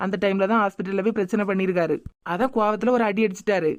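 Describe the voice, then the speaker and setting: A woman voicing a calm, reassuring young woman friend in a cartoon, with a Kanyakumari Tamil accent and a steady manner. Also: mid-range voice, fast, no echo, natural voice.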